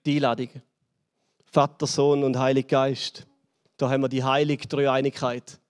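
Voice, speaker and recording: Swiss preacher in a reverberant church. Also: male voice, little pitch movement, normal speed, clear, resonant tone. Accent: Swiss German. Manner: dramatic, swells and drops in pitch and volume. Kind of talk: sermon. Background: band playing softly.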